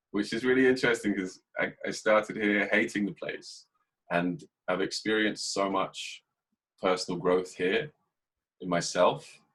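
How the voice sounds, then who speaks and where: An English man hosting a podcast, talking in a casual, reflective way and keeping a dry, even tone even when he jokes. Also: low-pitched, husky, poor audio. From England. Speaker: podcast host. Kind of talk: casual conversation.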